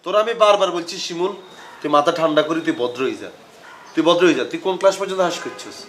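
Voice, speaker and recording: An actor playing a stern older-brother bachelor who lectures and scolds. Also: male voice, on the high side, animated, fast, fairly bright tone, a little hiss or hum. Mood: lecturing. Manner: scolding, lecturing, bursts of anger. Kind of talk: TV comedy drama acting.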